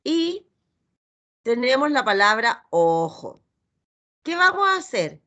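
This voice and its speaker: Bright-voiced Chilean teacher woman. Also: on the high side, big pitch swings. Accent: Chilean Spanish. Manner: patient, sounds out letters and syllables slowly. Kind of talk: teaching a reading lesson.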